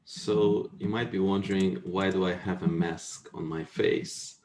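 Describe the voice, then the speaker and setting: Low, creaky and a little mellow, the lecturer's voice moves at a slightly slow pace with fairly even intonation, and a faint hiss or hum sits underneath. He is a university lecturer explaining technical content over an echoey online call from indoors, asking questions to check understanding.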